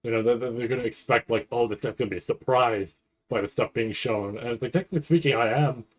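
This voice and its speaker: A man streams casual live reactions to an anime trailer, thinking aloud in a rambling way and swearing freely. His voice is medium-pitched and quick. The audio quality is poor.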